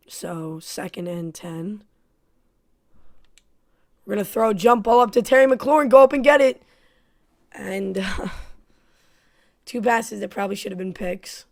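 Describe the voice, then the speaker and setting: A woman's voice: mid-range voice, creaky, a little mellow. A woman giving play-by-play commentary on her own football video game, frustrated and self-critical. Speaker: gaming YouTuber.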